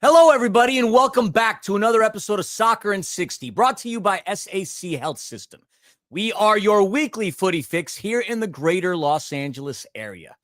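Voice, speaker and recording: Upbeat high-voiced male sports podcast host. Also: lively intonation, moderate pace, fairly bright tone, no room sound, studio quality. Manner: upbeat, jokey banter with sports slang. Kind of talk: casual sports talk show.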